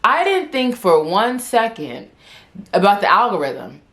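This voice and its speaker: A woman in her twenties vlogs a story to the camera, chatty and rambling, saying "like" constantly, stuttering and repeating words. Her voice is medium-pitched and fairly bright, with big swings in pitch and a slightly slow pace.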